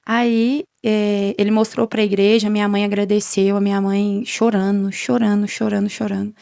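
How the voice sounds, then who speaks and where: Gravelly-voiced woman telling her testimony. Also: medium pitch, flat delivery, moderate pace, dark tone, dry recording, studio quality. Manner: retells events with many quoted exchanges in a conversational way. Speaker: guest sharing a faith testimony. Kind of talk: personal testimony storytelling.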